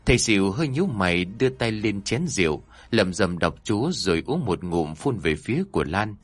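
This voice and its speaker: A man narrating a scripted horror story in a dramatic, expressive way. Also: on the low side, brisk, dry recording.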